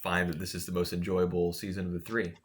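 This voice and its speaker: A man co-hosting a podcast, chatting casually about anime, relaxed and quick to laugh. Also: sits low. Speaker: podcast co-host. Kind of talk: casual chat reviewing anime.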